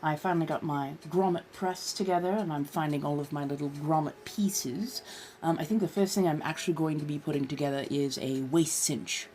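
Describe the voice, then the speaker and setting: A low, warm voice with fairly even intonation moves a little fast over slight background noise. The speaker is a woman from California casually hosting a livestream in an assumed posh colonial American accent, speaking in affected genteel phrases and calling listeners dears and darlings.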